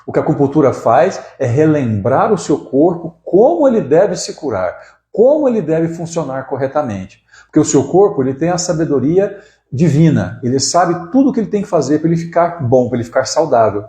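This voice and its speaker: A Brazilian acupuncturist in his forties hosts a casual live stream, his slightly high, sing-song voice moving fairly quickly with a dark tone in an echoey room. He often restarts words and ends sentences with "né?"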